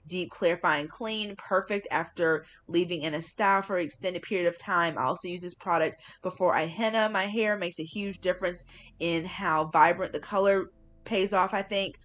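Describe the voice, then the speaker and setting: A woman's voice: on the low side, fairly bright tone. A woman giving a casual, chatty tutorial voiceover in an informal way, leaning on words for emphasis. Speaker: hair care vlogger.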